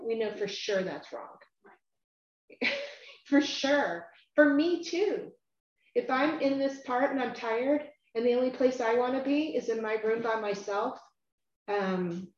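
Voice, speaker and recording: A woman hosting a casual faith discussion, earnest and animated, rambling and at times dropping to a quiet tone. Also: a little high. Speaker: Bible study host. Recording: echoey room, muffled lo-fi sound.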